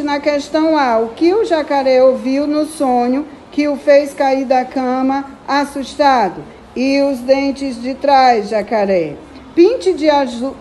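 A woman's voice: high voice, dark tone, a little hiss or hum. A woman teacher with a Brazilian Portuguese accent, patiently going through a recorded school lesson and drawing out words to stress their syllables.

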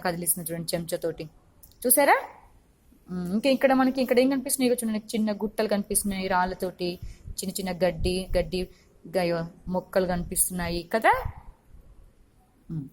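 A woman teaching first graders in a recorded lesson. She is patient, repeats every instruction and keeps checking that the children understand. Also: mid-range voice. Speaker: primary school teacher.

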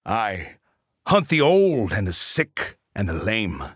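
Hunter, a husky, cocky mercenary tracker. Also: male voice, on the low side, huge pitch swings, takes it slowly, fairly bright tone, no echo, clean studio sound, exaggerated voice. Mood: smug, wry. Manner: wry, sardonic, punning. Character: cocky Alaskan big-game hunter mercenary, wry predator. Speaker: video game character. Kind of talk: video game combat barks and taunts.

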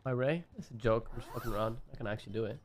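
A man's voice: mid-range voice, racing, slight background noise. Pushy swearing man on a headset. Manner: pushy, scheming, swears freely. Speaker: streamer playing a role-play character. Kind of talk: casual in-game banter.

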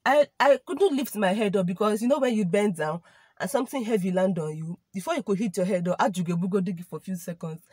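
A woman's voice: medium pitch, quick pace, darkish tone, slightly rough, no room sound. A young woman with a Nigerian English accent, telling a story to camera in a casual vlog and dropping in Igbo and Pidgin expressions. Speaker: vlogger.

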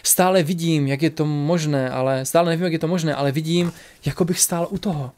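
A man voicing a calm, loyal male archer who speaks sadly and steadily in a storybook. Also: fairly high pitch, close to an everyday voice. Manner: sad, steady.

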